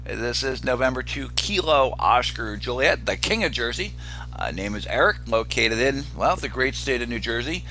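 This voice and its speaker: A man casually hosting a ham radio net as its control operator, with a halting delivery full of pauses. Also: medium pitch, big pitch swings, sharp tone, low-quality recording. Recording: noticeable hum and background noise.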